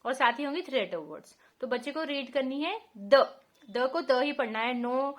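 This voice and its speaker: A woman in her thirties with an Indian accent patiently walks parents through a children's phonics book, spelling out letter sounds. Her high voice is expressive and moderately paced in this teaching walkthrough.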